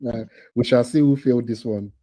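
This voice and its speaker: A man's voice: medium pitch, fairly quick, dark tone, low-quality recording. Playful man hosting an online quiz. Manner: playful, teasing, laughs often. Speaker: quiz host for online training cohort.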